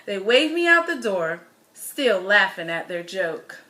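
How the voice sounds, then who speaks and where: A medium-pitched woman storyteller reads a children's picture book aloud, phrasing it expressively and deliberately and stressing words.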